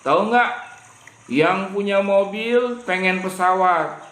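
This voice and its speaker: A woman teaching a children's Sunday school lesson, telling the story in a playful, animated way with a puppet. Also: medium pitch, slow. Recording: echoey room.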